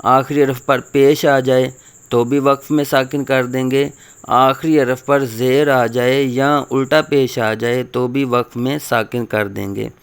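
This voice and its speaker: Male teacher, clear resonant voice, mid pitch; patient and formal, repeats each rule for learners. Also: fairly even intonation. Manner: addresses the listeners formally. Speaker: Quran reading teacher. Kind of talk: recorded lesson.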